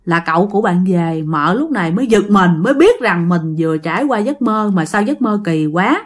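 A woman telling a ghost story in an animated, conversational way. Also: mid-range voice, moderate pace.

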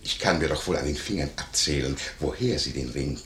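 An actor playing a nosy, wheedling innkeeper in a 1950s radio play, gossiping in a lively way. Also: male voice, rumbling low, fairly quick, a little hiss or hum. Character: nosy, fawning male innkeeper, middle-aged. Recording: echoey 1950s radio studio.

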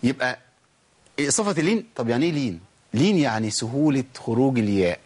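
A man's voice: mid-range voice, expressive, quick pace, darkish tone. A man with an Egyptian Arabic accent teaching a Quran recitation lesson. He drills his students and asks and answers his own questions. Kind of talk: Egyptian colloquial tajweed lesson.

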